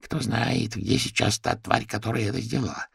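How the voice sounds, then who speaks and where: A man's voice: mid-range voice, fairly even intonation, moderate pace, creaky, fairly bright tone, husky, dry recording, clean studio sound, pitched above the performer's own voice, full character voice. A man reading an audiobook, voicing a bossy, worried female crow who scolds and fusses. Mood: scolding. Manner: scolding, fussing.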